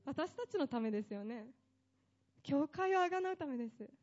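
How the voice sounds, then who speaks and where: A woman's voice: high-pitched, expressive, normal speed, a little mellow, lo-fi sound. A woman preaching a sermon with impassioned delivery, building up long emphatic lists.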